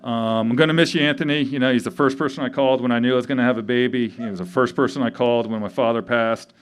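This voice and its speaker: A man in his fifties, grieving, giving a halting memorial speech full of pauses and fillers at a tavern gathering. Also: mid-range voice, fairly even intonation, smooth. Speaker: eulogy speaker. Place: tavern event.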